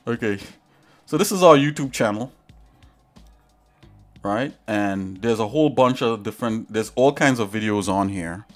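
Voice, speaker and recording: A man's voice: lowish voice, expressive, a little slow, pauses often, faint music behind. Man, livestream host, casual tutorial, rambling, chatty. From Trinidad and Tobago. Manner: rambling, chatty, talks straight to viewers.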